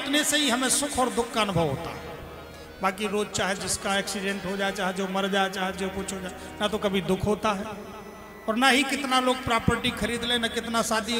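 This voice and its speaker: A man, acting out his characters' cries and quarrels. His voice rings with a long reverb in a large hall, and music plays clearly behind him. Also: high voice, moderate pace. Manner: animated, acts out characters' cries and voices in stories. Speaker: preacher. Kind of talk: devotional sermon with storytelling.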